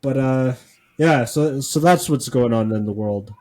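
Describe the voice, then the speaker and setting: A man co-hosting a podcast, talking casually with deadpan sarcasm and lots of filler words. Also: mid-range voice, a little slow. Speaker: podcast co-host.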